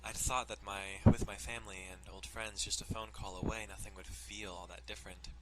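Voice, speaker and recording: The recording is very noisy, with loud music beneath a let's player narrating a visual novel. His voice is lowish and steady, his pace fairly quick, and his informal reading is punctuated by joking, sweary asides.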